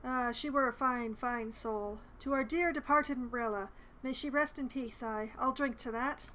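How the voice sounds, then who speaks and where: Woman reading as a high-pitched rustic town drunk. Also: normal speed, bright, forceful tone, slight background noise, poor audio. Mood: friendly, wistful. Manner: town drunk, folksy dialect. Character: friendly male village drunk, rustic and wistful. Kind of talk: reading video game dialogue aloud.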